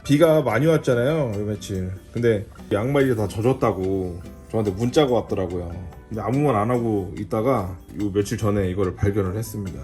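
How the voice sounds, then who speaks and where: His voice is lowish and mellow, brisk with few pauses. Filming his wife for a vlog, the husband narrates and chats casually, both in voice-over and inside an outlet shoe store where music plays and shoppers talk in the background.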